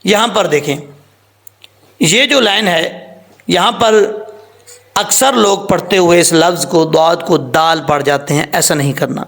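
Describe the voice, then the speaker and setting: A man's voice: a little high, pauses often, a bit bright. A man teaching Quran recitation rules, patiently explaining step by step and correcting common mistakes, over a screen recording. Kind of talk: tajweed lesson with recited examples.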